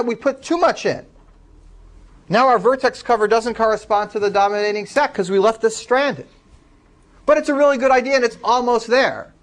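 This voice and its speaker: Guy teaching a class with a high-ish voice, walks through ideas step by step. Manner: explains step by step, engages student questions. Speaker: lecturer. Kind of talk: classroom lecture.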